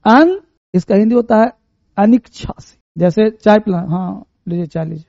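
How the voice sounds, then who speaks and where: Animated high-voiced male teacher. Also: normal speed, vocal fry, no room sound. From India. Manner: animated, acts out everyday scenes to explain. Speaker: English grammar teacher. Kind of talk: classroom lecture. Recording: muffled, slightly lo-fi sound.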